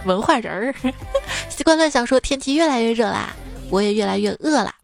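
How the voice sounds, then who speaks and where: A woman's voice: on the high side, animated, quick pace, vocal fry. A woman radio host reading listener jokes aloud in a playful way, laughing often and acting out the quoted lines. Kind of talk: lively read-aloud of funny stories with music. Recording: light background music.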